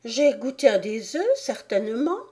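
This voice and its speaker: A woman's voice: a little high, very animated, unhurried, mellow, pitched above the performer's own voice. A woman voicing a sincere, polite young girl in an audiobook, speaking earnestly and protesting. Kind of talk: audiobook character voice.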